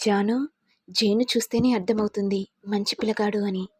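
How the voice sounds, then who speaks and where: A woman's voice: medium pitch, fairly even intonation, normal speed, dark tone, husky, no room sound, clean studio sound, natural voice. A woman voicing a reassuring older sister.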